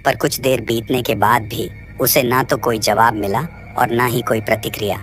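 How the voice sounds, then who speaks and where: A man's voice: medium pitch, fairly even intonation, normal speed, fairly bright tone, faint music behind. Man narrating a suspenseful horror story.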